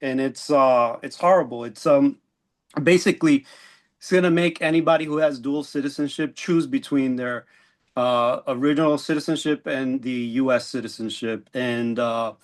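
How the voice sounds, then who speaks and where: A man co-hosting a casual podcast chat, earnest and indignant, pausing to search for words. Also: medium pitch. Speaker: podcast co-host.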